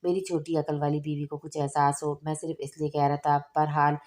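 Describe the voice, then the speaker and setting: A woman's voice: low-pitched, little pitch movement, fairly quick, a little mellow, close to an everyday voice. A woman voicing a strict, curt young man, an elder brother in a storybook. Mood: stern. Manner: curt, stern.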